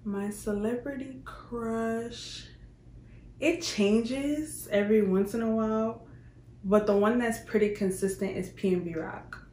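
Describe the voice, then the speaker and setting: Answering viewer questions in a relaxed vlog, this young woman from Queens, New York, speaks in a mid-range, slightly mellow voice. Her recording carries a roomy echo and a bit of faint background noise.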